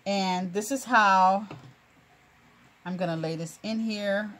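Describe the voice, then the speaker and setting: A woman hosting a casual sewing tutorial, chatty and encouraging, laughing often and filling pauses with "um" and "you know". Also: mid-range voice, fairly bright tone. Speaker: crafting video host.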